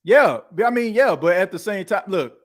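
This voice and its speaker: A man's voice: high-pitched, expressive, moderate pace. A man in his thirties hosting a podcast, chatting casually and rambling, with frequent restarts and the filler "you know what I'm saying". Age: 30s. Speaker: podcast host. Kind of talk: casual chat.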